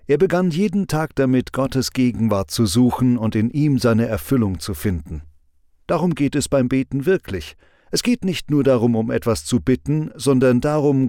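A man giving a calm devotional sermon with a measured, instructive delivery. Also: medium pitch, dry recording, studio quality. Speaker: preacher.

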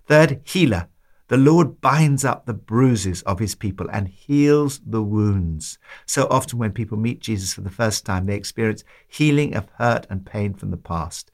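A man reading a scripted devotional commentary in a measured, emphatic way, pausing between listed points. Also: lowish voice. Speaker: devotional reader.

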